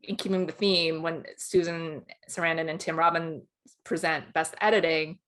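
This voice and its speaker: Co-hosting a laid-back film chat, this woman, an expert on film awards, shares her opinions bluntly and informally. Her voice is low and a bit bright, with fairly even intonation and a normal speaking speed.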